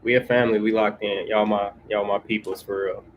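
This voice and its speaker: A man's voice: lowish voice, little pitch movement, fairly quick, dull audio, a little hiss or hum. A man from California in casual livestream chat, laid-back and slangy, reading viewer comments aloud and answering them. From California, USA.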